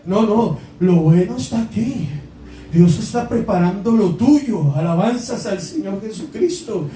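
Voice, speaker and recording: A pastor with a Colombian Spanish accent preaches to his congregation in a church hall, impassioned, exclaiming and calling directly to the people before him. His voice is high-pitched, animated, a little slow and warm in tone. The sound is roomy with a distant mic and a little hiss or hum.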